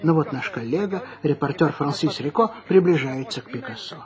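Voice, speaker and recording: A man's voice: a little high, lively intonation, a little fast. A man presenting scripted radio narration in the manner of an old newsreel. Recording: dull old recording, crowd noise behind.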